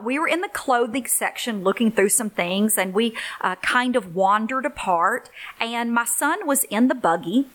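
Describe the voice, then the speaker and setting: A middle-aged woman hosting a faith-based podcast for single moms, telling stories in an earnest, encouraging way. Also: mid-range voice. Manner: warm storytelling, earnest and encouraging. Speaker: podcast host, ministry leader.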